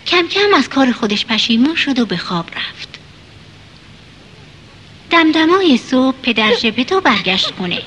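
A woman narrating a children's storybook in a lively, expressive way. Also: high-pitched, long pauses, slight background noise. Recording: narration over loud music.

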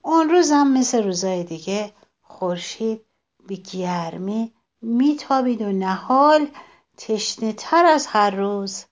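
Woman telling a children's story. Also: medium pitch. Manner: warm, expressive storytelling addressing children.

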